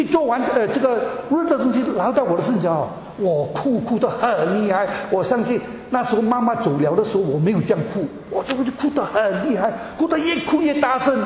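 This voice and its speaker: A man tells his personal testimony to a congregation in a high voice, tripping over repeated words and slipping English terms into his speech. He is recorded in a large hall that gives every phrase a long, roomy reverb. A faint room hum sits underneath. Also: a little mellow. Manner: stammering repetitions, drops in English words. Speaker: church member giving a testimony.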